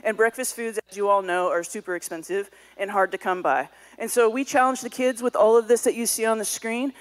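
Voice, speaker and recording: A woman at the front of a church makes announcements to the congregation. She speaks at a middle pitch, in a conversational way with casual fillers. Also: fairly even intonation, a little fast. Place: church sanctuary.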